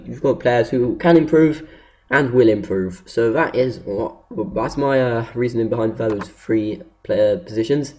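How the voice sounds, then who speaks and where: Man, soft-edged mellow voice, casual video commentary, hesitant, rambling, unscripted. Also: medium pitch. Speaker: gaming video host.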